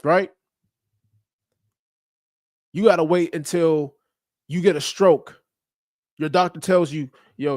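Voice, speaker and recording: A man's voice: fairly high pitch, dry recording. Blunt, emphatic man in a dry room. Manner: blunt, emphatic, preachy, casual profanity. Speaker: podcast host. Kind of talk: motivational monologue.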